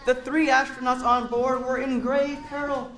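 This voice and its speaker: Here a man with an extremely high pitch reads at a moderate pace with flat delivery and a fairly bright tone. He is reading a picture book to a group of children in a roomy indoor space, encouraging them and adding asides that explain words and ask questions, with echo in the recording.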